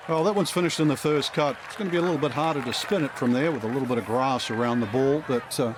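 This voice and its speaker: A man's voice: medium pitch, fast, noisy background, natural voice. A man working as an easygoing golf commentator, explaining shots conversationally as the expert analyst in a video game. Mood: analytical. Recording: music and outdoor crowd behind. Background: music, crowd outdoors.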